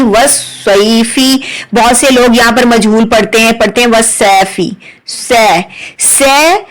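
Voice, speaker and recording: A woman's voice: a little high, slight background noise, rough recording. A woman teaching Quran reading with an Urdu accent, spelling out letters and vowel marks and then blending them into words. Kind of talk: slow syllable-by-syllable recitation lesson.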